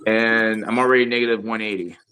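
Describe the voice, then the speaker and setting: A man with a low-pitched voice chats loosely on a live stream. His talk is rambling and profane, full of filler phrases. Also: steady tone, brisk, sharp tone, slight background noise. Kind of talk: casual chat on a live stream.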